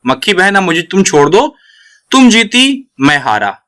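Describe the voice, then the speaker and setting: A man reading the lines of a proud, angry male lion from a children's storybook in a gruff, threatening manner. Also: sits high, big pitch swings, a little slow, bright, forceful tone, exaggerated voice. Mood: weary. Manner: gruff threats, later weary surrender.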